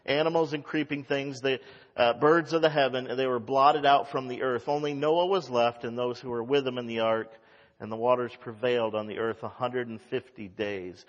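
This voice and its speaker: Man preaching at a pulpit microphone in a reverberant church. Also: on the high side. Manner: reads scripture aloud and explains it. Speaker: pastor. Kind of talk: expository sermon. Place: church sanctuary. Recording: long reverb of a large church hall.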